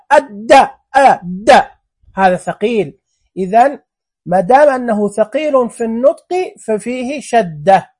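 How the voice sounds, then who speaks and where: A teacher gives a classroom grammar lesson, speaking slowly and repeating each word and example. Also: mid-range voice. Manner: slow, repeats words and drills examples.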